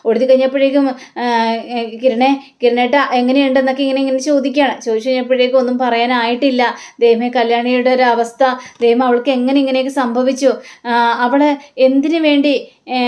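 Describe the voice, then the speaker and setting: This is a Malayali woman with a high voice who casually retells a TV serial's latest episode. She voices each character's lines herself as she tells the story. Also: little pitch movement, brisk, darkish tone. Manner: retells scenes, reading out every character's lines in her own voice. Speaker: serial recap narrator.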